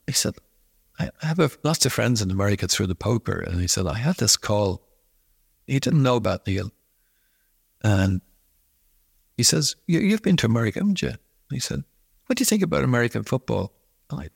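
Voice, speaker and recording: A man's voice: mid-range voice, vocal fry, husky, dry recording, clean studio sound. A man telling an anecdote, acting out both sides of a conversation. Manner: halting storytelling, quoting dialogue back and forth. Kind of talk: anecdote told in an interview.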